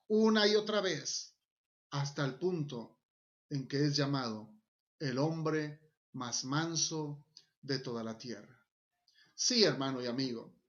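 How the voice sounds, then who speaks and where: A man's voice: high-pitched, a bit bright, muffled recording. A man preaching a sermon as a pastor, retelling scripture with acted dialogue and rising and falling emphasis.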